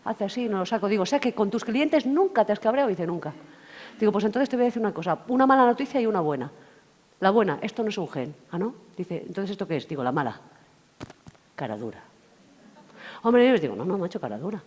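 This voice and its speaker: A woman's voice: medium pitch, lively intonation, fast, a little mellow. A woman giving a talk, telling stories and acting out the conversations in them. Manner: storytelling, acting out dialogue. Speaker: communication trainer. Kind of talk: lively talk to an audience. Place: conference hall. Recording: reverberant hall.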